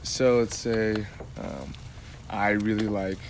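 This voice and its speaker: A man's voice: fairly low pitch, fairly even intonation, slow, a little hiss or hum. A young man chatting as a guest on a casual podcast, loose and laid-back, filling his talk with "like". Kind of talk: casual chat.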